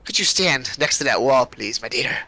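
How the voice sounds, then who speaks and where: A woman's voice: very deep voice, expressive, normal speed, pushed and bright, dry recording, pitched below the performer's own voice, full character voice. A man voicing an erratic, grinning female hag who speaks with mock sweetness during a tabletop game. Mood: taunting. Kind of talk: tabletop game role-play.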